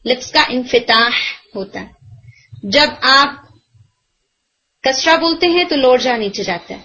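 A woman's voice: high-pitched, lively intonation, pushed and bright, muffled recording. A woman teaching a tajweed lesson in Urdu sprinkled with English terms, patiently explaining and repeating recited words to demonstrate.

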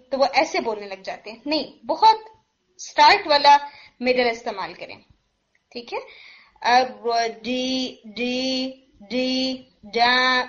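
A woman's voice: high-pitched, fairly bright tone, muffled recording. A woman, a teacher who patiently explains letter sounds step by step and uses everyday comparisons. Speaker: Quran recitation teacher. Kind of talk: pronunciation lesson.

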